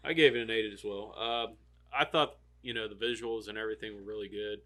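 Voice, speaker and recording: A man talks casually as part of a podcast panel. His voice is on the low side and his delivery is conversational. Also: steady tone, fairly quick, sharp tone. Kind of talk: casual chat.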